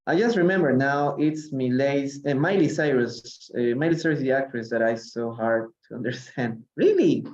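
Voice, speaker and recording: A Peruvian man teaches an English reading lesson on a live stream, encouraging his students and switching into Spanish. His mid-range, slightly mellow voice keeps a moderate pace with hardly any pauses, though he uses many fillers and hesitations. The livestream audio sounds muffled.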